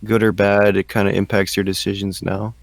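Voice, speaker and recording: A man's voice: on the low side, level tone, fairly quick, creaky, a little hiss or hum. A man hosting a podcast, asking questions in a laid-back, easygoing way. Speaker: podcast host. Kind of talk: casual interview.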